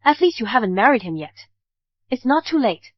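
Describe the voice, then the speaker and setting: A woman dubbing a calm, protective mother who earnestly advises her daughter. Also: fairly high pitch, brisk, no echo. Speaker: bride's mother. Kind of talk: English drama dub. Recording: dull dry studio dub.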